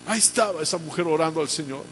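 Fervent preacher man, fairly high. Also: racing, slight background noise. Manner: fervent, swings from hushed to loud. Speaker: pastor. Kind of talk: sermon.

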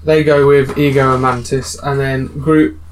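A man casually recapping a film with friends as podcast host, relaxed and rambling. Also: mid-range voice, unhurried, slight background noise, poor audio. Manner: relaxed, recapping scenes with many "um"s.

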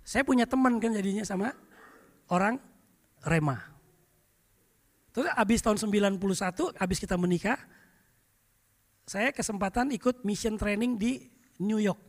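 Male pastor, middle-aged, sermon storytelling, high voice, long church-hall reverb. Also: moderate pace, long pauses. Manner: lively anecdotal storytelling, often addresses the congregation.

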